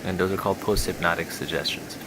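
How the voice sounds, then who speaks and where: A man's voice: low voice, steady tone, fast talker, background noise. A man speaking as a hypnotherapist on a guided relaxation recording, with a soothing, hypnotic delivery. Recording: music and rain sounds behind the voice. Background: relaxation music with rain.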